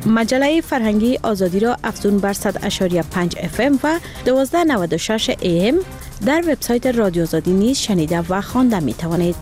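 A woman reads a formal station announcement in a measured radio voice. Music plays clearly beneath her. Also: mid-range voice, expressive, darkish tone. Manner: formal, read.

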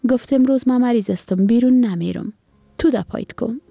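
A woman's voice: on the high side, gravelly, mellow, dry recording, soft background music, voice pushed up. A woman playing an earnest green-eyed orphan girl with an Afghan Dari accent, her voice raised to sound like a child.

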